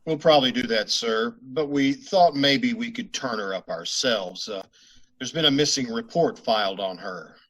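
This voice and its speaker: A husky-voiced police sergeant, played by a man, with a middle pitch. He is courteous, terse and matter-of-fact, in the manner of 1950s radio detective drama. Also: normal speed, fairly bright tone, lightly acted, poor audio. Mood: polite, businesslike.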